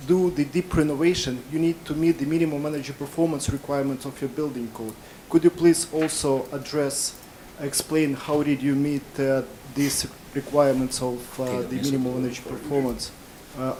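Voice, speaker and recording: A man's voice: on the high side, warm tone, a little hiss or hum, low-quality recording. A man in a conference audience asking an earnest, detailed question. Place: conference hall.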